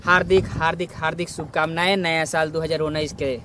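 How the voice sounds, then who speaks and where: A man's voice: a little high, flat delivery, brisk. A man with a Bhojpuri accent, a singer and video performer, addressing viewers in repetitive requests. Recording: noisy outdoor recording.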